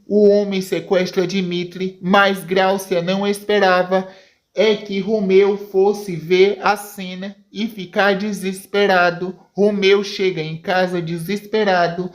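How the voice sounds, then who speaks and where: Slow-paced woman storyteller. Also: mid-range voice.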